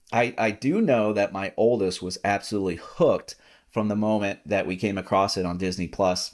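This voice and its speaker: Man, podcast host, lowish voice, casual rambling chat, lots of fillers and restarts. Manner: rambling, with many fillers and repeated words; relaxed and talkative.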